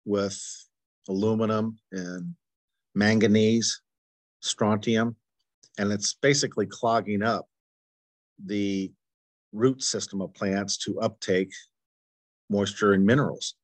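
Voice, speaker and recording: Low-voiced earnest podcast host, halting. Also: male voice, no echo. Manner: earnest, halting, with frequent restarts and stutters. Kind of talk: conversational interview.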